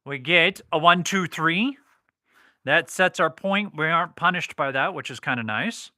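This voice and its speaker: A man's voice: a little high, a little slow, bright, forceful tone, no room sound. A man hosting a casual livestream game as a craps table caller, calling out rolls and bets to players. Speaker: livestream host running an online craps game. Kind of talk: casual live game commentary.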